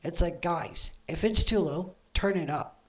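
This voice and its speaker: A woman's voice: lowish voice, a little slow. A woman chatting casually as a stream host on a headset mic, insistent and repeating her points. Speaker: video creator and streamer, host. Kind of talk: casual livestream chat.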